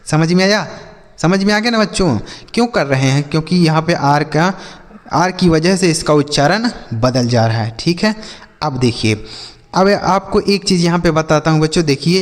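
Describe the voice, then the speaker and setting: A man's voice: a little high, long reverb tail. A man teaching a reading lesson to students, asking questions, answering them himself and repeating key points. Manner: questioning, repeats and answers his own prompts. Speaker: English teacher. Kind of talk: Hindi-language reading lesson.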